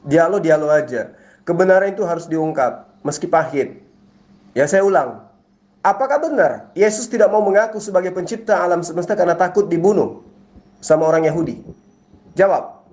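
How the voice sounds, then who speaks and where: High-pitched man taunting in debate. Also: lively intonation, normal speed, darkish tone. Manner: mocking, taunting, insulting. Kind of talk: heated religious debate voice notes.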